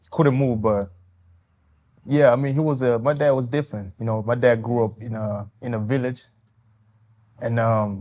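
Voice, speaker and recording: In an interview, a twenty-something man from Tanzania gives polite, quiet answers with hesitant, loosely built phrasing. His voice is mid-range.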